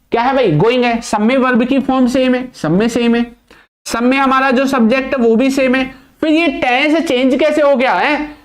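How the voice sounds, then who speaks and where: A young man teaching an English grammar lesson, quizzing the viewer with repeated questions and answering them himself, speaking English words. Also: very high voice. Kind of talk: classroom-style grammar lesson.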